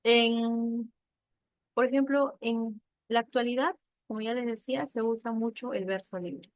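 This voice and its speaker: A woman's voice: on the high side, steady tone, measured pace, no room sound, low-quality recording. A woman teaching a literature lesson, explaining patiently with examples and often checking in with a questioning "ya?".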